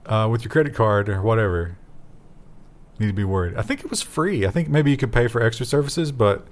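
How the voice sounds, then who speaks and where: A man's voice: fairly low pitch, a little fast. A man co-hosting a casual tech news chat, making wry, joking asides. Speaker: co-host.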